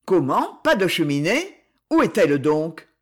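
A woman's voice: lowish voice, big pitch swings, measured pace, slightly rough, heavily acted. A woman reading the part of a stern young nobleman who speaks firmly, coldly and with irony. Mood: stern commanding. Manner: firm, cold, ironic.

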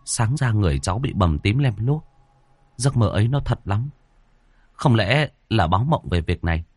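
A man's voice: lowish voice, lively intonation, normal speed, breathy edge, no echo. A man voicing a distressed young village grandson in a ghost story, stammering and pleading. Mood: uneasy.

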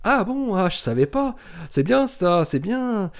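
A man reading the part of a calm, friendly undercover astronaut with a breezy manner. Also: sits high, unhurried, creaky, voice pushed up, heavily acted. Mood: casual.

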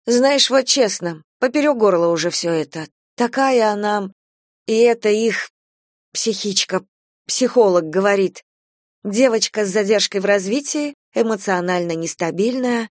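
A woman's voice: mid-range voice, no room sound, clean studio sound, pitched above the performer's own voice, close to an everyday voice. A woman reading an audiobook, voicing a worn-out single mother who complains bitterly about her ex-husband and his mother. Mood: exasperated. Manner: fast, bitter, exasperated complaining.

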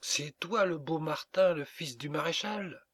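Un homme qui prête sa voix à une jeune courtisane parisienne hautaine et moqueuse, dans un livre audio. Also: male voice, fairly high pitch, unhurried, a bit bright, pitched above the performer's own voice. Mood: disdainful. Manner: mocking, disdainful. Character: haughty young Parisian courtesan, mocking woman.

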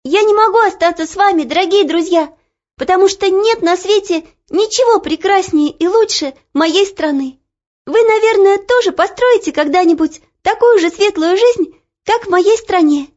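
A woman's voice: extremely high pitch, normal speed, darkish tone, muffled recording, voice pushed up. A woman voicing a brave young girl who speaks to a crowd in a ringing, earnest voice.

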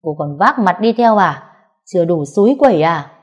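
A woman's voice: lowish voice, measured pace, dark tone. Woman voicing a harsh old grandmother. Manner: scolding, harsh, snapping. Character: stern, sharp-tongued grandmother, old woman. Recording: dull lo-fi recording.

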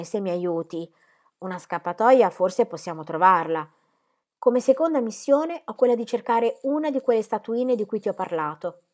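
A woman's voice: mid-range voice, lightly acted. A woman reading the part of a bold young female flute player in a storybook, speaking firmly and steadily. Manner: firm and steady.

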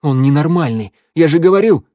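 A man doing a shrill, venomous young accuser. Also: lively intonation, takes it slowly, warm tone, no echo, clean studio sound. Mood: accusing. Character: spiteful, cowardly young man, a sneering accuser.

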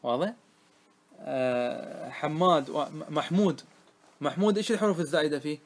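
A man with a slightly high-pitched voice teaches a grammar lesson. He recites lines of classical verse at a slow, measured pace, then explains them in plain speech. He keeps checking that his students follow with short questions. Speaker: sheikh teaching Arabic grammar.

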